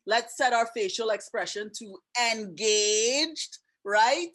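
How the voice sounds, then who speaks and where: A woman's voice: fairly high pitch, animated, slow, a bit bright. A woman from Trinidad and Canada with a Trinidadian accent tinged with Canadian, hosting an online webinar in a chatty, friendly way with many asides, on a computer mic. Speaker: webinar host and teacher. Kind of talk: casual online webinar presentation.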